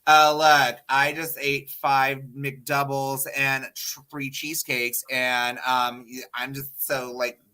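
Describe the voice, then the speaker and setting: Bright-voiced man, blunt and animated. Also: mid-range voice, slow, few pauses, clear, resonant tone. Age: 30s. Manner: animated, blunt, swears freely. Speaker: podcast co-host. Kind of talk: casual panel chat.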